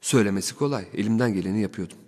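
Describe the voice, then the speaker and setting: A man narrating a first-person story as an audiobook, in a steady, wry way. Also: on the low side, very fast, big-room sound.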